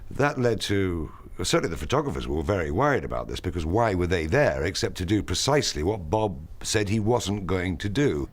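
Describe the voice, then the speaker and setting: A man's voice: deep voice, big pitch swings, brisk, few pauses. A man speaking emphatically in an interview.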